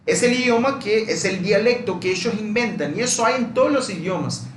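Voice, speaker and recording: A man's voice: high-pitched, lively intonation, brisk, slight background noise. A man whose first language is Portuguese, giving a language lesson in a didactic way, repeating key points and checking in with rhetorical questions. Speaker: language teacher. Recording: roomy echo.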